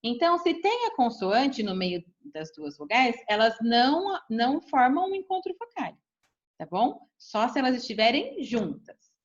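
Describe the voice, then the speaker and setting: A woman teacher walks children patiently through a lesson, checking in often. Her voice sits a bit high and swings with lively pitch. The recording is dull and lo-fi. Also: normal speed. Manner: patient, explains step by step to children; checks in with "tá bom?" and "ó".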